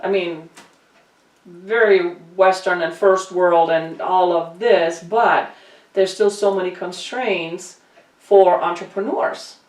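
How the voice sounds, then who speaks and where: Her voice is fairly low, steady and a little mellow, and she speaks slowly: a German talk-show host in a casual opinion chat. She repeats phrases to hammer her views home, emphatic and earnest throughout. The sound is roomy and echoey, picked up from far from the mic.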